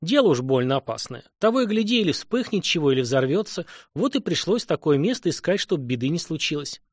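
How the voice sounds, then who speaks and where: A man voicing a modest, respectful young craftsman who speaks quietly and earnestly. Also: a little high, very animated, fairly quick, no room sound, studio quality.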